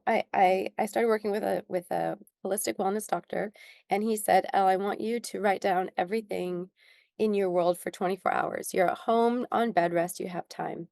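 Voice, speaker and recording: A young adult skincare founder, interviewed about her life, tells her story at a moderate pace in a creaky, medium-pitched voice with a darkish tone. There's no room sound. She comes across as earnest, often says um, and now and then is on the verge of tears.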